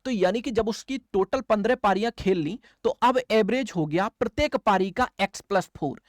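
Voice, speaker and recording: In a clean, echo-free studio recording, a man with a voice that sits high talks at a moderate pace. He's lecturing on maths for exam coaching, going step by step, repeating key phrases and posing questions he then answers himself.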